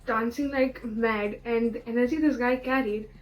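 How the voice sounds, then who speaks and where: A woman's voice: on the high side, steady tone, moderate pace, faint music behind, low-quality recording. A woman giving a gushing, affectionate fan testimonial. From India.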